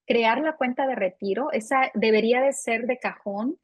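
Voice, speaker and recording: A woman's voice: a little high, normal speed, no room sound. A woman in her fifties, a financial advisor guest, answering interview questions in an earnest, personal way. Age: 50s.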